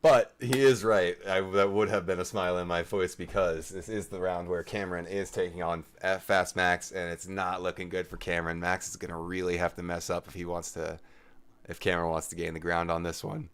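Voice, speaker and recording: A man calls a drone race live in a low, deep voice. His tone is smooth and clear. He chats and jokes casually with the pilots between heats. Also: level tone, a little fast, fairly bright tone. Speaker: race commentator.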